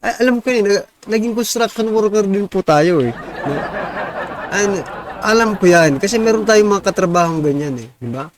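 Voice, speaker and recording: A reaction vlogger from the Philippines talks politics in a loose, chatty way, chuckling and firing off rhetorical questions. His voice sits high for a man. A steady murmur of crowd chatter runs behind him. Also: normal speed. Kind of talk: casual political commentary.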